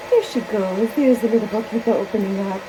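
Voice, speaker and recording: A woman's voice: medium pitch, fairly quick, background noise. A woman hand-feeding a baby bird at home in her kitchen, cooing baby talk to the bird and chatting casually to the camera. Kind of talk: casual home video chat.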